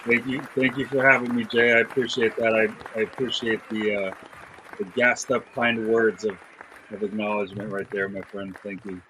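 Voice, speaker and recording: A middle-aged hip hop DJ, born in Iceland and moved to California at seven, chats as a guest in a casual interview, sounding hesitant, reflective, slangy and rambling. His low voice is bright and forceful with fairly even intonation at a moderate pace. The low-quality recording has some background chatter and a little hiss or hum.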